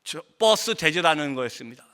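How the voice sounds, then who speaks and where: A man preaching a missionary testimony in a church, his voice high and very bright. He tells the story with passion and acts out his own angry words. Long hall reverb trails each phrase. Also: animated, brisk, smooth. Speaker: missionary pastor. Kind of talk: sermon testimony. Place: church sanctuary.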